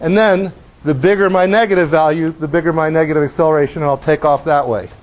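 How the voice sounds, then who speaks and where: A middle-aged man teaches in a lecture hall, his voice sitting slightly high for a man. He is animated and acts out the physics with his own body. He breaks off now and then for wry asides and questions to the students. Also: quick pace. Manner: animated, acts out motion as he explains. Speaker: professor. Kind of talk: university lecture.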